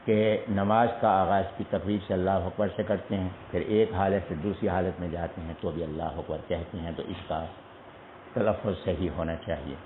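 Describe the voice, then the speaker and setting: Speaking in a low voice, a man gives a Quran recitation class as a religious teacher, carefully breaking the pronunciation down syllable by syllable. Slight background noise sits under echoey, tinny lo-fi broadcast sound.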